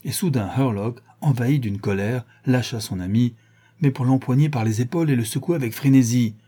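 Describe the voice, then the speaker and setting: Audiobook narrator, man, mellow and dark-toned, steady reading. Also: mid-range voice, fairly quick, slightly rough.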